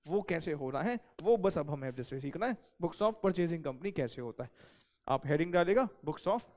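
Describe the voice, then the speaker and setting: Guy teaching accounting, high voice, asks stuff then answers it himself, dictates notes real slow. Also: lively intonation, a little mellow. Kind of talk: recorded classroom lecture.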